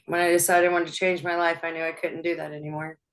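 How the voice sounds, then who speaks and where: Low-voiced woman guest on an interview, talks openly, laughs a lot, lots of restarts. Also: flat delivery, fast talker. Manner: open, laughs often, soft-spoken with frequent restarts. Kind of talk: personal interview.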